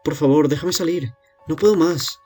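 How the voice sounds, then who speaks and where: A man's voice: fairly high pitch, normal speed, warm tone, faint music behind, voice pushed up, natural voice. A man doing a pleading trapped monster.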